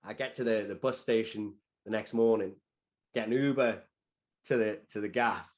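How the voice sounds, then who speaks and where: A young man from Newcastle in northeast England, speaking with a Geordie accent, tells stories as a podcast guest. His voice is lowish and his pace moderate, and his casual chat rambles along, packed with "like", as he recounts things animatedly.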